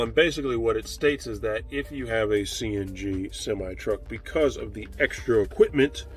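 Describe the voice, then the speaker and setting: A lowish-voiced truck driver in his forties vlogs casually, explaining things step by step to viewers while holding his phone at arm's length. He films first outside beside his truck, then inside the cab.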